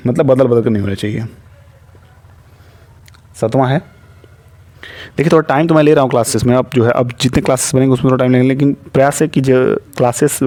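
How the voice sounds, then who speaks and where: A man teaching an online exam-prep lesson, reading English question text slowly and explaining it in Hindi. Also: medium pitch, dark tone. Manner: reads English phrases slowly, then explains them in Hindi.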